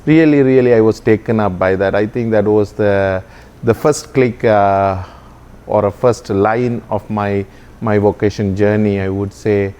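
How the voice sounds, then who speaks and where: A man speaks in a somewhat low voice. He is a Jesuit priest recounting his life, earnest and unhurried, pausing with fillers as he searches for words. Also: steady tone, warm tone, smooth. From Sri Lanka. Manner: earnest, often slowing and hesitating with fillers. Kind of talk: reflective personal storytelling.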